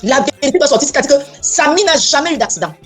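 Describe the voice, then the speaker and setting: A woman's voice: high voice, animated, racing, faint music behind. A woman in a casual chat, blunt and insistent, often repeating herself. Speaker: co-host.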